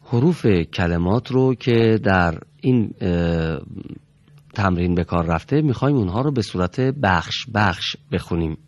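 In a deep, animated voice, a male teacher leads a classroom Quran recitation lesson. He courteously invites students to read and patiently fixes how they say every letter, and the audio has no echo.

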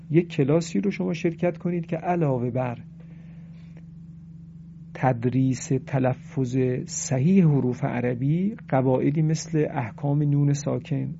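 Gravelly, dark-voiced man teaching recitation. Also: mid-range voice, highs cut off, slight background noise. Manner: explanatory, recites Arabic verses slowly. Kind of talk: religious lesson.

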